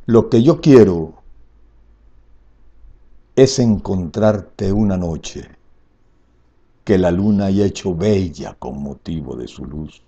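A man in his seventies declaiming poetry in a grand, dramatic manner, with slow phrasing that swells in emphasis and falls away softly, in a husky, gravelly voice. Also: sits low, animated, highs cut off. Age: 70s. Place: indoor room at home.

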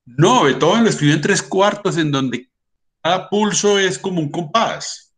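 A Colombian man lecturing on music theory in a patient, explanatory way. He talks things through step by step, pausing often on fillers as he works out his points. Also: high-pitched, lively intonation. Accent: Colombian Spanish. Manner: explanatory, sings rhythms in syllables, many fillers. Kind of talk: online lecture.

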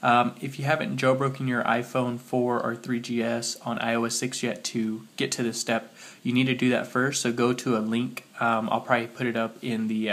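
This tutorial host is sick with a cold and sounds a bit muffled as he casually demonstrates a phone task step by step. Working on the phone as he speaks, he spells things out slowly in a mid-range voice with a fairly bright tone.

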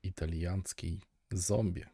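A man's voice: low voice, fairly even intonation, takes it slowly, vocal fry, dark tone, slight background noise. A man giving casual gameplay commentary in short, offhand, muttered remarks. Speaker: gamer, video host. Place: voice-over on game footage.

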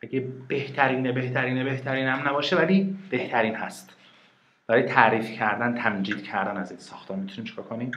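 A man's voice: mid-range voice, fairly even intonation, a bit bright, lo-fi sound. A man teaching an online reading lesson, patiently explaining grammar and asking his students questions. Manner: patient, asks questions and answers them himself. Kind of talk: online private lesson, explaining in Persian with English examples. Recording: echoey room.

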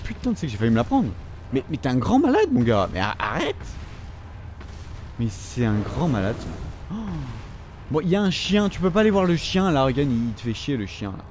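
A man's voice: medium pitch, big pitch swings, brisk, a little mellow, a little hiss or hum. A young man with a French accent commentating his gameplay, swearing constantly and scolding the characters on screen. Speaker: gamer.

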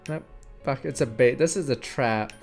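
Young male streamer, mid-pitched, foul-mouthed and mocking, quick to yell; faint game music under him. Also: gravelly. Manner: profane, mocking and excitable, yelling at chat. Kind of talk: live game commentary reading dialogue aloud.

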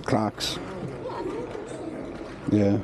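A British vlogger hunting for bargains to resell mutters casual, low-key, matter-of-fact commentary to himself as he browses, speaking very slowly. He starts in an outdoor car park and moves into a large charity warehouse shop. The noisy audio from his body-worn action camera catches crowd noise and shop and street ambience.

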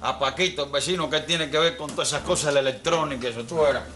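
A man with a Cuban accent playing an excitable, bossy old man in a TV comedy sketch, fretting and exclaiming often. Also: on the high side, very fast, close to an everyday voice. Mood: flustered fussing. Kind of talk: TV sitcom acting.

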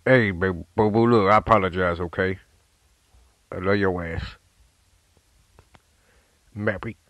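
A man's voice: sits low, unhurried, fairly bright tone, no echo. A man playing a brash, profane prank caller who swears and demands apologies. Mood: belligerent.

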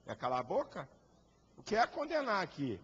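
Husky, high-pitched man preaching fiercely. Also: huge pitch swings, normal speed. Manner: fiery, combative preaching with rhetorical questions. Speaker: pastor. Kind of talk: sermon. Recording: echoey hall, dull lo-fi sound.

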